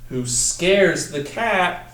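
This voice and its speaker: His voice sits high, animated and fairly bright, as the young adult student teacher rehearses reading a picture book aloud at a table in a small room indoors. He draws out the text deliberately and poses questions to young listeners in an instructional way. Recorded on a camera mic a few feet away, the audio is distant and echoey.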